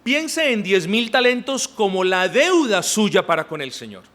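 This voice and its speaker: A man's voice: high-pitched, sing-song, unhurried, fairly bright tone. A man preaching a sermon as pastor, talking emphatically and directly to his congregation. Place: church.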